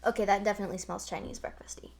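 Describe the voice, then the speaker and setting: A woman's voice: mid-range voice, fairly even intonation, rapid-fire, vocal fry, darkish tone, slight background noise. A young woman tasting tea blindfolded on a casual show, unsure and thinking aloud as she guesses. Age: young adult. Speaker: co-host, blindfolded tea taster.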